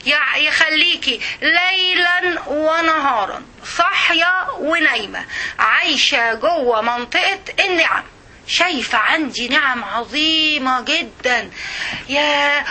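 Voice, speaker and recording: A woman's voice: sits high, bright, forceful tone. A woman with an Egyptian accent giving an informal religious lesson to women, preaching conversationally and often checking in with her listeners. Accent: Egyptian Arabic. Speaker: religious teacher.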